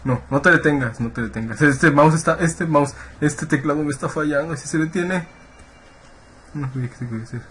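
Jumpy Mexican man, higher-pitched voice. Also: brisk, fairly bright tone. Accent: Mexican Spanish. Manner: jittery, swearing, yelping when startled. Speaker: gaming video creator. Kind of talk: horror game commentary. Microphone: webcam and computer mic.

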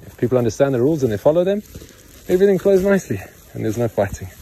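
A farmer vlogger films himself outdoors by a pond in his yard, holding his phone camera for a point-of-view shot as he works. His medium-pitched voice is sing-song and racing with a dark tone. He narrates bluntly and with opinions, matter-of-fact throughout, over a low-quality recording with a little hiss or hum.

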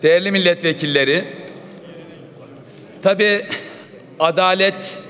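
A man stands at a rostrum microphone and gives a formal parliamentary address in a measured, oratorical manner. His voice sits fairly high for a man. The sound trails off in the long reverb of a large hall. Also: pushed and bright. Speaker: member of parliament.

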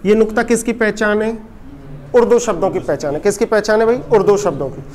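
A man's voice: sits high, brisk, a little mellow, a little hiss or hum. A man teaching a coaching class, quizzing students again and again and answering his own questions. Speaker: Hindi teacher. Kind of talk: classroom lecture with call-and-response drilling.

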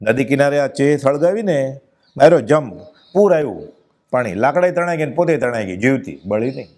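A man with a Gujarati accent giving a devotional discourse, chanting verses slowly and then explaining them in plain speech. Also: medium pitch, animated, darkish tone. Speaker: spiritual discourse speaker.

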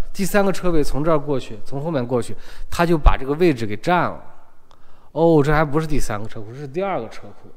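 A man giving a casual walk-through house tour as an agent, his articulation slightly muffled by a dental retainer. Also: medium pitch. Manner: slightly muffled, imprecise speech from wearing dental braces or a retainer. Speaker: real estate agent and video host. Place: inside an empty house, walking from room to room.

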